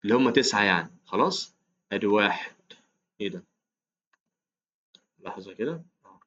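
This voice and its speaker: A man's voice: on the low side, animated, fairly quick, fairly bright tone, muffled recording. A man with an Egyptian accent teaching a math lesson in a chatty, coaxing way, counting aloud as he works. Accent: Egyptian Arabic. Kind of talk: casual explained lesson.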